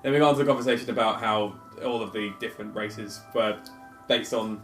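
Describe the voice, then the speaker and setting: A man's voice: lowish voice, fairly even intonation, fairly quick, fairly bright tone, soft background music. A man in a casual podcast chat, rambling with many restarts and hesitations. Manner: rambling, hesitant, laughing often. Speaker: podcast co-host. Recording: roomy echo.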